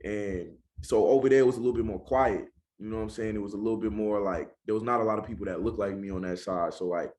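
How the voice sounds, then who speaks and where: Laid-back young Southern man, low voice. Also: quick pace, hardly any pauses, darkish tone. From Charlotte, North Carolina. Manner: laid-back, constantly adds "you know what I'm saying". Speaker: rapper, interview guest. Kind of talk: casual interview talk.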